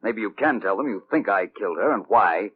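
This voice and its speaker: An actor playing a cold, threatening murder suspect in an old radio show, curt and menacing. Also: male voice, on the low side, animated, brisk, husky. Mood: cold menace. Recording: tinny old radio recording.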